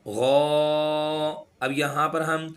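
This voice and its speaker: A man teaching recitation rules, explaining each rule and then slowly chanting the words with drawn-out sounds to demonstrate. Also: medium pitch, fairly bright tone. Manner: instructive, repeats sounds to demonstrate. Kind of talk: tajweed lesson.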